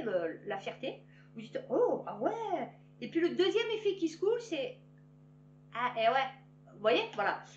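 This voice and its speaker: Sarcastic woman reading news headlines. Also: high voice. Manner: sarcastic, animated asides to viewers. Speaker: news commentator. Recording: roomy, dull lo-fi with faint hum.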